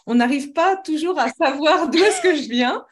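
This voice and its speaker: Guest woman from Lyon, neutral French accent, slightly high voice, hesitant. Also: expressive, moderate pace. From France, Lyon. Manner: hesitant, many fillers, reflective. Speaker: guest, love coach. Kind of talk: casual interview chat.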